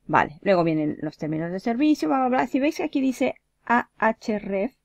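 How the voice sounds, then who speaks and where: Gravelly-voiced woman walking through a screen tutorial. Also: fairly high pitch, big pitch swings, normal speed, dry recording, lo-fi sound. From Mexico. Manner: talks through clicks step by step, casual filler. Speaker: web marketing tutor. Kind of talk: screen-share coding tutorial.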